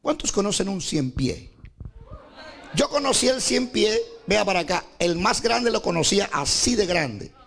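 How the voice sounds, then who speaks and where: A man giving a dramatic church testimony, often breaking into shouts and calling on the congregation to clap. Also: high voice, big pitch swings, unhurried, creaky, slight background noise. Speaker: testimony speaker at a church service.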